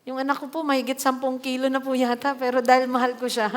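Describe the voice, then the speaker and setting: A woman pastor preaching a sermon in a church hall, reading scripture and adding lively asides with acted quotes. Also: sits high, quick pace. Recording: long hall reverb.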